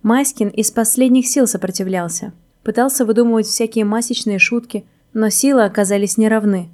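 A woman narrating a whimsical storybook in an even, wry reading manner. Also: a little high, brisk. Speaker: audiobook narrator.

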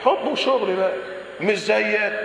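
Lively Egyptian preacher in echoey hall. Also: male voice, high-pitched, moderate pace, gravelly. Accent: Egyptian Arabic. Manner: lively, questions the audience and acts out dialogues. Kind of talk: colloquial sermon with Quran recitation. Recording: echoey hall recording with faint noise.

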